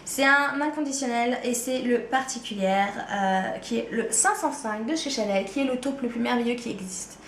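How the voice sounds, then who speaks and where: A woman's voice: a little high, normal speed, few pauses, a bit bright, reverberant, a little hiss or hum. A woman vlogger with a touch of Ardennes French accent, chatting loosely and casually to camera about her favourite things. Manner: chatty, loose, slangy, trails off with "quoi". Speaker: beauty vlogger. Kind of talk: casual chat.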